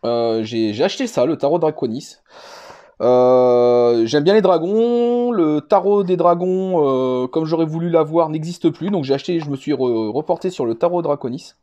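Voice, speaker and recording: A vlogger shows off his card collection in a casual, unscripted show-and-tell, speaking hesitantly, rambling, and often repeating himself. His voice sits on the high side with lively intonation, a moderate pace, and a dark tone, with the highs cut off.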